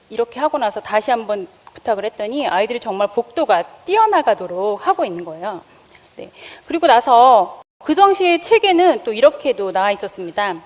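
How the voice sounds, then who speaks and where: A woman school health teacher giving a public lecture, drawing in the audience with questions. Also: on the high side. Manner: engaging, asks the audience questions. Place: lecture stage before an audience. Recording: long reverb of a lecture hall.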